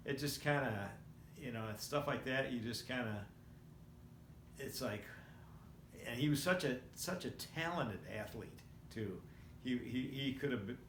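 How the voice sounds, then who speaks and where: A man in his sixties telling personal stories in a casual, rambling and reflective way, often halting mid-thought. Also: on the low side. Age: 60s. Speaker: vlogger. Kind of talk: casual personal storytelling to camera. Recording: roomy echo, faint background noise.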